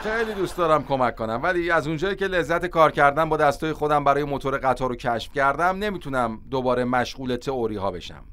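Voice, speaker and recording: An actor dubbing a smug, pedantic young physicist who has taken up trains, talking in a precise, mock-polite way. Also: male voice, medium pitch, lively intonation, few pauses, a bit bright, slight background noise, lightly acted. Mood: superior. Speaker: Persian dub actor. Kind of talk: Persian dub of a sitcom.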